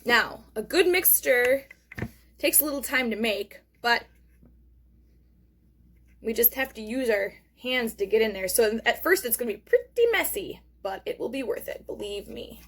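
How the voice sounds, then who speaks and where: Female kids show host, higher register, speaks straight to young viewers, casual step-by-step craft demo, encouraging. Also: animated, measured pace, a bit bright. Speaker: host of a children's craft lesson. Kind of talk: hands-on craft demonstration, casual narration.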